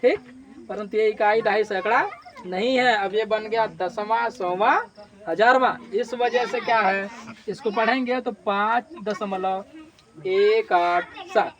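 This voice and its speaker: A man's voice: high-pitched, a little slow, crowd noise. A male teacher giving a classroom maths lesson, repeatedly quizzing his class and answering his own questions.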